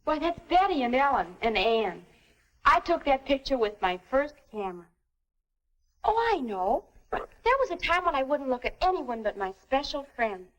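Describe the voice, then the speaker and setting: An earnest American teenage girl in a 1950s educational film. Her high voice moves up and down freely, with an eager, wholesome and slightly stagy delivery. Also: big pitch swings, normal speed, fairly bright tone, low-quality recording. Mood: curious, reflective.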